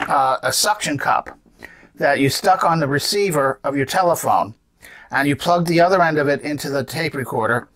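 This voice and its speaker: A presenter in his seventies demonstrates vintage gadgets off the cuff, explaining as he goes and answering his own questions. His voice sits a little high with a fairly bright tone.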